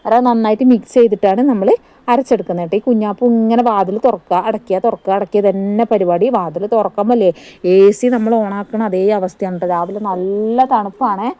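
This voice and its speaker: Malayali woman vlogging while she cooks, talks super fast, mellow voice, phone on a stand in the kitchen. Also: mid-range voice, steady tone. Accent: Malayali, Kerala. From India. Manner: chatty, homely, often tags "kettō". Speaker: family vlogger. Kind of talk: casual cooking vlog narration. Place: home kitchen. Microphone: phone front camera on a stand, some distance away.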